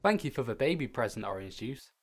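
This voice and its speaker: A young man who loves vodka, played by an actor, tells his story in a lively, up-and-down voice. He sounds put-upon and exasperated, and his pitch sits at a medium level. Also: fast, vocal fry. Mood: wistful. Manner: exasperated storyteller, easily interrupted. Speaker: narrator. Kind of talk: comic short-film acting.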